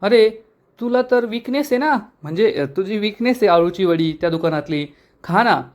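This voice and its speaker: A man's voice: sits high, lively intonation, normal speed, highs cut off, pitched above the performer's own voice. A man voicing a jovial coworker who coaxes and teases his friend. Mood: teasing. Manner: coaxing, teasing.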